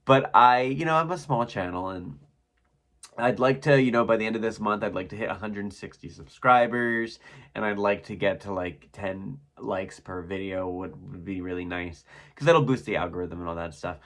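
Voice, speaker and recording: A man hosting a reaction video, chatting casually and excitedly while he watches. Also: fairly low pitch, normal speed. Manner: excitable, chatty, often laughing.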